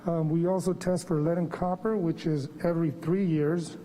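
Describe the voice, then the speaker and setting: A man's voice: a little high, fairly even intonation, moderate pace, warm tone, slight background noise. A man giving a formal staff presentation at a public meeting, slightly muffled as he speaks through a face mask. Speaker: water quality manager presenting. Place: public board meeting room.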